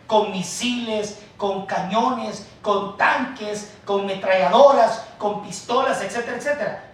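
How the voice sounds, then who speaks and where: A male pastor preaches with emphatic stresses that drop to quiet asides, addressing his listeners as brothers. His voice rings through a very echoey church hall, picked up from well away from the mic, with a faint hum of room noise behind. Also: high-pitched, far from the mic. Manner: emphatic, swings from soft asides to loud stresses. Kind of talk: preaching a sermon.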